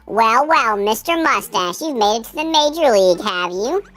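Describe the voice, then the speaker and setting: A man reading a teasing female thief through a voice changer that raises his pitch, speaking in a coy, drawn-out manner. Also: animated, fairly bright tone, soft background music. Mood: flirty. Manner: purring, coy, drawn-out endearments. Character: flirty, teasing woman, a sly thief. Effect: voice changer raising the pitch. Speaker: streamer voicing game characters.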